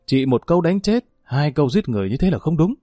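A man's voice: on the high side, sing-song, quick pace, warm tone, no room sound, clean studio sound, faint music behind. A man voicing a middle-aged mother who reproaches her in-law in a spoken family drama. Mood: reproachful. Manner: earnest, reproachful.

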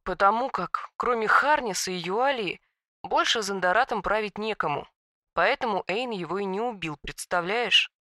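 A woman voicing a grieving female dragon who speaks in hushed, tearful, theatrical tones. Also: medium pitch, moderate pace, no room sound, studio quality, lightly acted. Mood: calmer.

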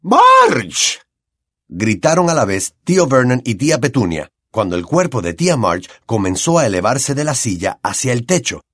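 An expressive male audiobook narrator with a Latin American Spanish accent, his pitch moving lively through the story. The recording is close and dry, with no room sound. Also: fairly quick, no room sound. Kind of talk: scripted narration.

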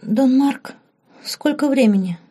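A woman voicing a sleepy, innocent young woman in an audiobook, speaking softly in a raised voice. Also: high voice, slow, husky, pitched above the performer's own voice, full character voice.

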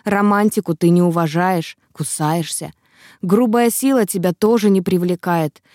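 Woman reader doing a hoarse, gruff, sick young student; dry audiobook read. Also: medium pitch, a little mellow, no room sound, natural voice. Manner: gruff, grumbling, hoarse from illness. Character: stubborn feverish young male student. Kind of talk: audiobook character reading.

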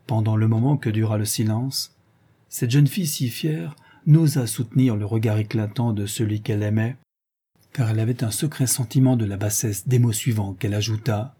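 A man narrating a classic novel as an audiobook, in a measured, even reading. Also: on the low side, husky.

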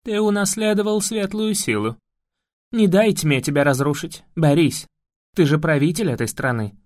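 A man's voice: a little high, expressive, moderate pace, a little mellow, no room sound, studio quality, close to an everyday voice. Man voicing a grave, lovelorn male elf. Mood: stern.

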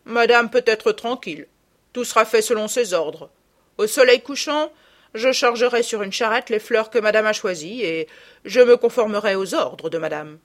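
Storybook role: a woman playing an eager-to-please male flower seller, loud and deferential. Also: fairly high pitch, moderate pace, natural voice. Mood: obliging. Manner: obliging and deferential.

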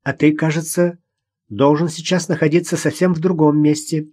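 A man's voice: on the high side, level tone, normal speed, dark tone, no echo, voice pushed up, close to an everyday voice. A man reading as a curt, firm young woman. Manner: curt, speaking through teeth. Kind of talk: audiobook character voice.

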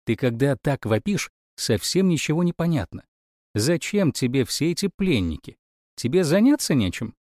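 A man voicing a calm, clever boy who reasons politely with a wry edge. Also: fairly high pitch, normal speed, dry recording, clean studio sound, pitched above the performer's own voice. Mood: reasoning. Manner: polite, reasoning, mildly ironic.

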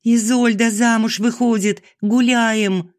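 Man doing a loud bubbly young woman, high and playful, dry close audio. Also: measured pace, no room sound. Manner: playful, exuberant. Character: lively, boisterous young woman, a boxer.

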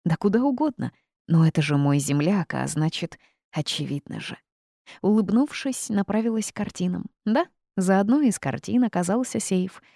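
A woman reading a first-person audiobook, telling the story in a lively way with the heroine's asides. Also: mid-range voice, normal speed, gravelly, dry recording, clean studio sound. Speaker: audiobook narrator.

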